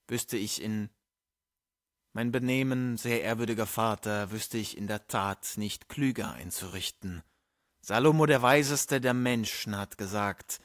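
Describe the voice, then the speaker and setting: A man's voice: fairly low pitch, fairly bright tone, no room sound, studio quality. A man playing an irate, preachy old friar. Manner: indignant, preachy, quoting scripture. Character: irate, pompous male friar, older theologian.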